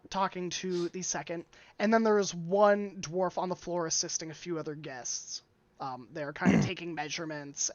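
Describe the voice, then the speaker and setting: A woman's voice: lowish voice, dry recording, lo-fi sound. A woman narrating as game master, describing scenes in a casual style full of fillers.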